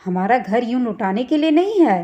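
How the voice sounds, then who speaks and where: A woman's voice: fairly high pitch, big pitch swings, normal speed, mellow, lo-fi sound. A woman voicing a scolding older mother-in-law who taunts and accuses in a storybook tale. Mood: taunting.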